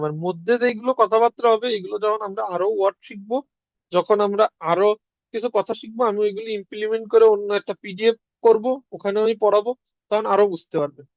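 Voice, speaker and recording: Man, high voice, patient teacher on a dull lo-fi line, dry sound. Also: dry recording. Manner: explains step by step, repeats words slowly. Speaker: language teacher. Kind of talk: online class lesson.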